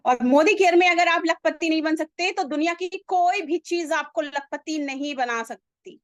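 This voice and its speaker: A woman giving an animated motivational talk to her team, telling a joke as a story and asking the listeners rhetorical questions. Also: high voice, normal speed, dry recording, clean studio sound.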